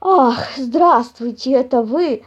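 A woman's voice: high-pitched, lively intonation, moderate pace, warm tone, slightly rough, highs cut off. Woman as a fussing mother bear. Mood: caring.

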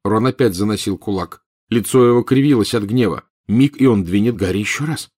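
A man narrating an audiobook in a measured, expressive reading. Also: fairly low pitch. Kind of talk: scripted narration.

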